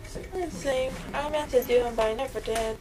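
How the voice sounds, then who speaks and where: A woman's voice: a little high, steady tone, fairly quick, rough recording. A young woman chatting in a drowsy, childlike, rambling way, groggy and numb-mouthed after having her wisdom teeth out. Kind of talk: casual chat. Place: small treatment room in a dental office. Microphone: handheld camera near the reclining speaker.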